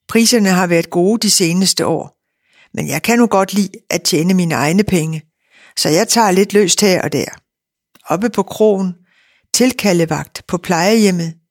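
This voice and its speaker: A woman reading aloud and voicing a big, brisk, middle-aged farm wife who talks a lot and gives orders, in a dry recording. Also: mid-range voice, dry recording, natural voice. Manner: bossy and chatty.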